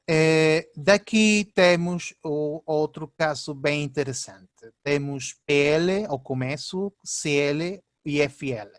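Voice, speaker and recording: Slow, halting professor. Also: male voice, on the high side, no echo. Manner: halting, with frequent fillers and "ok?" checks. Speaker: linguistics professor. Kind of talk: lecture explaining slides.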